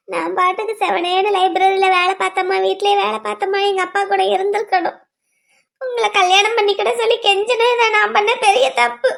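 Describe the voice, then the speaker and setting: A heartbroken young student girl from a cartoon love story, voiced by a woman, pleading through tears. Her voice sits very high and hardly rises or falls, and she keeps turning the blame on herself. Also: fairly bright tone. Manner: tearful, self-blaming pleading. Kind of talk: cartoon voice acting.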